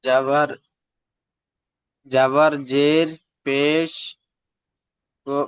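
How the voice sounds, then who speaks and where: A man speaks very slowly and deliberately as a student, repeating Arabic letters after his tutor. His voice is smooth and clear, and it sounds dry, with no room echo. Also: mid-range voice, flat delivery. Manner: slow, careful repeating after teacher. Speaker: adult student.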